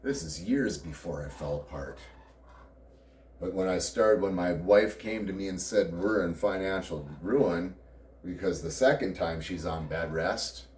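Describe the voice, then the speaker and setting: A man's voice: deep voice, unhurried, a little mellow, a little hiss or hum. A middle-aged man speaking candidly and at length about his life, rambling with wry laughs. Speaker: vlogger. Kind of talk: personal confessional monologue. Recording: roomy sound, distant from mic.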